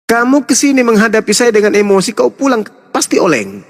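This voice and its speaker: A man's voice: extremely high pitch, lively intonation, fairly quick, long reverb tail. A man debating heatedly over religion, lecturing in long repeated runs and mocking his opponent.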